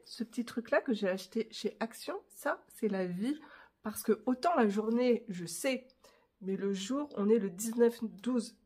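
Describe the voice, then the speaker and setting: A woman's voice: fairly high pitch, darkish tone, husky. Middle-aged french woman rambling thru her craft vlog, lots of euhs, mumbles her syllables a bit. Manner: chatty, rambling, swallows syllables, many fillers. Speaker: craft vlogger. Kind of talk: casual vlog chat.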